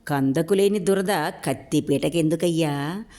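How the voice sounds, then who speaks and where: A woman's voice: a little high, sing-song, a little slow, a little mellow, voice pushed up. A woman voicing a scheming older village man who mocks and sneers, with a sarcastic delivery. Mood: sneering.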